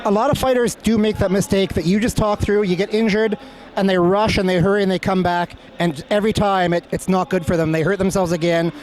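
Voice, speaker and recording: A man's voice: high voice, fairly even intonation, fairly quick, a little mellow. A man interviewing conversationally after a fight, friendly and complimentary, explaining things as he goes. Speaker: sports interviewer. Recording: faint urban ambient noise behind.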